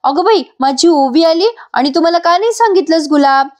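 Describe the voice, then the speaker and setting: A woman's voice: very high-pitched, animated, brisk, a little mellow, voice pushed up. A woman voicing an older grandmother who reacts with alarm and tender fussing.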